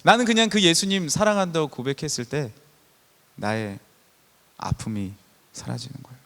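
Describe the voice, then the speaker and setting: A man in his thirties preaching a sermon, telling stories and swinging from soft passages to loud, emphatic ones. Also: fairly high pitch, moderate pace, vocal fry. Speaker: pastor. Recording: long church hall reverb.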